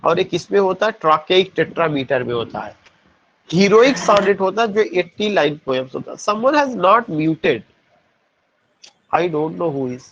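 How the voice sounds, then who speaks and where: High-voiced male teacher spelling out terms. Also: big pitch swings, a bit bright, highs cut off, slight background noise. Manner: explains terms slowly, spells words letter by letter; poses questions to the class and answers them. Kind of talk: exam-prep lecture.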